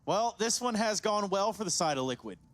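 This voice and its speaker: A man commentating an esports match, breaking down plays in a relaxed, chatty way. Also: sits high, fairly quick. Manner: relaxed, chatty analysis with laughs. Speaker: esports caster. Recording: broadcast with music bed. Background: music under the commentary.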